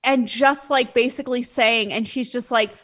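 A young woman in casual conversation about a movie, animated and often acting out characters' lines in exaggerated voices. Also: a little high, normal speed.

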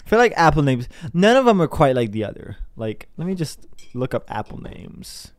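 A man's voice: a little high, big pitch swings, normal speed, dry recording. A man hosting a casual solo monologue who rambles from topic to topic and laughs at his own jokes. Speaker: host.

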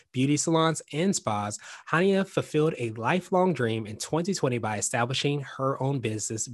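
A man hosting a business podcast, upbeat and chatty, often repeating words and restarting phrases as he speaks. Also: medium pitch. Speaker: podcast host. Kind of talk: podcast interview.

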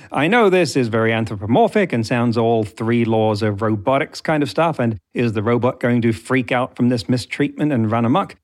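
A man hosting a podcast, reading scripted narration with a wry, dry humour. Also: medium pitch. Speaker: podcast host.

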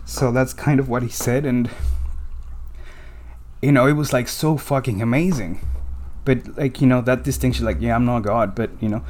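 A man who is a podcast guest, telling a spiritual story in casual conversation, animated and emotional, with many fillers and some swearing. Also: mid-range voice, normal speed, long pauses.

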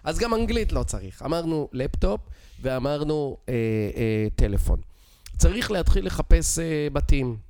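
A man's voice: a little high, lively intonation, a little mellow. A middle-aged man with an Israeli accent talks in an informal, explanatory way. He is insistent and teacherly, punctuating his points with short check questions. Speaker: real estate expert guest. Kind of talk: casual explanatory conversation.

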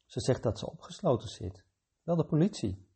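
A man voicing the narrator's skeptical, impatient companion, in a gravelly, husky voice. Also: mid-range voice, big pitch swings, normal speed, mellow, pitched above the performer's own voice, exaggerated voice. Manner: impatient, exasperated.

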